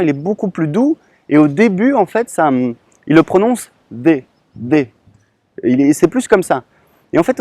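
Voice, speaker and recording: A man's voice: on the high side, a little mellow, dry recording. A man giving a casual lesson outdoors on a beach, speaking informally with many hesitations and restarts. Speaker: online English teacher.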